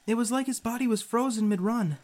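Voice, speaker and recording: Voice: medium pitch, fairly quick, darkish tone, natural voice. A performer playing a spirited, sarcastic youngster who narrates an audio drama in an informal, candid way. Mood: tense recounting.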